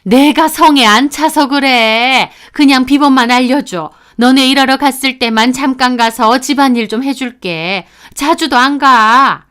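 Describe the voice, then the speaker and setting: A woman's voice: medium pitch, unhurried, hardly any pauses, smooth, lightly acted. A woman voicing a controlling middle-aged mother-in-law who keeps pressing her point. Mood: insistent. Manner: insistent, pushy.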